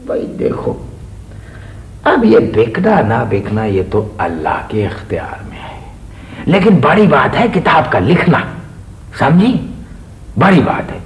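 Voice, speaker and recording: Vain old poet, comic stage play, animated exclaiming delivery, echoey hall. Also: male voice, medium pitch, slow pace, long pauses. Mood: grumbling. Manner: theatrical, exclaiming. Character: aging male poet, pompous, fond of praise.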